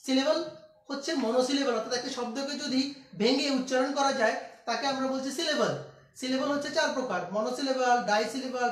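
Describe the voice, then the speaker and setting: Man from Bangladesh teaching grammar, high-pitched, recorded from afar in a roomy space. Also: a bit bright. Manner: repeats key steps, asks students questions. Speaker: English teacher. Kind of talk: classroom grammar lesson. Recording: echoey room, distant mic.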